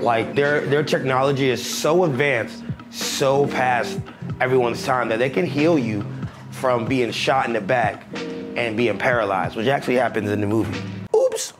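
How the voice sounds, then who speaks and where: Hyped young guy doing a movie review, jokey, swears a lot, loud music playing behind him. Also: mid-range voice. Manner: excitable, joking, swears freely. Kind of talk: casual chat.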